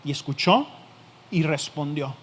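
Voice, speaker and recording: A male pastor delivering a sermon, speaking in a voice pitched somewhat high for a man. He addresses the listener directly and returns again and again to the same key phrases. Many sentences start firm and then sink to a soft, hushed finish. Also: a little slow. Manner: emphatic, repeats key phrases, drops to a quiet hush at phrase ends.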